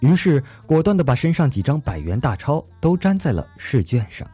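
A man hosting a comedy radio show, telling jokes in speech with animated storytelling and acted-out punchlines. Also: fairly high pitch, brisk, slightly rough, no room sound, faint music behind. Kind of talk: lively comedic joke-telling radio narration.

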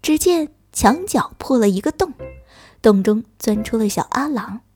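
Lively sing-song woman storyteller. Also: on the high side, unhurried, soft background music. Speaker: children's storyteller. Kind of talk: storybook narration for children.

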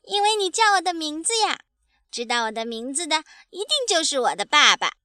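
A woman voicing a sweet, trusting baby ankylosaurus in a storybook, with a high, childlike, chirpy voice. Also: big pitch swings, fairly quick, pushed and bright, dry recording, studio quality, full character voice. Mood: eager.

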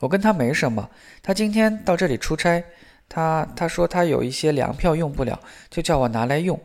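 A man's voice: a little high, lively intonation, brisk. A man reading the lines of a nervous teenage schoolgirl who answers hesitantly and defensively. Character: shy, flustered teenage schoolgirl.

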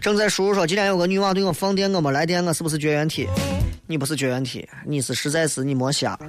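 Higher-voiced Shaanxi-accented man hosting radio. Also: steady tone, fast, loud music behind the voice. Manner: colloquial, blunt, philosophizing. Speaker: radio host. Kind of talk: casual late-night radio monologue, reading and answering listener messages.

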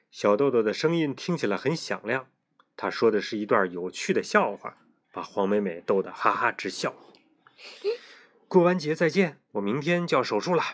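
Expressive man reading a children's story. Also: lowish voice. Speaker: storytelling father.

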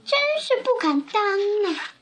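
Shrill tiny old woman. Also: big pitch swings, measured pace. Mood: bashful. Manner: shrieking high exclamations.

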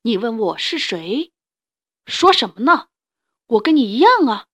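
A woman reading a storybook and voicing a big, hungry adult male tyrannosaurus who talks loud and gruff. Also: on the high side, very animated, measured pace, full character voice.

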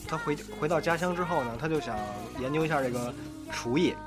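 Man telling stories haltingly over music. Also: on the high side. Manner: halting, repetitive phrasing. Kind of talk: casual storytelling on a panel. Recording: music playing behind the voice.

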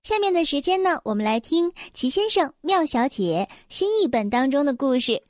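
A young woman reading a children's story aloud, gentle and expressive, speaking directly to the children. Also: sits high, moderate pace, no echo, clean studio sound.

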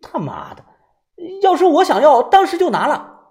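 A man voicing an excitable, defensive young man in an audiobook, shouting his innocence in a shrill voice. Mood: indignant. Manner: shrill, indignant, quick to shout. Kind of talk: audiobook character voice.

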